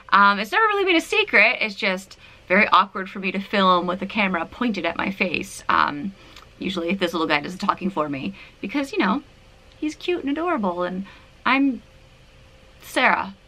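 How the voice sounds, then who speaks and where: Giggly and self-deprecating, a Canadian woman in her thirties chats to the camera indoors in her apartment as a vlogger. Her mid-range voice is sharp, very animated and fairly quick.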